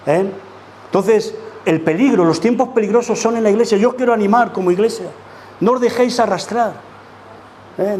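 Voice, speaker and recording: A man's voice: high voice, darkish tone, a little hiss or hum. A man from preaching a sermon as pastor, emphatic and full of rhetorical questions to the congregation. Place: church.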